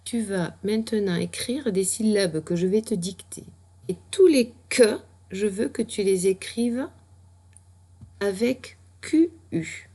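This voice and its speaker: A woman teacher, slowly and patiently spelling out letters and sounds for a child in a recorded reading lesson. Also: mid-range voice, dark tone. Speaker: primary school teacher.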